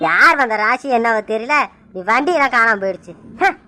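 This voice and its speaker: A woman's voice: a little high, expressive, a little fast, sharp tone, faint music behind. A woman voicing a grumbling, scolding middle-aged village father.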